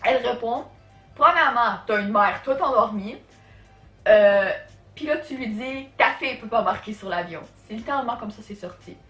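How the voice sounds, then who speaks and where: A Canadian vlogger with a Quebec French accent tells a casual storytime, chatty and packed with fillers. Her voice sits on the high side, expressive and a bit bright, at a moderate pace. The room echoes, and faint music plays underneath.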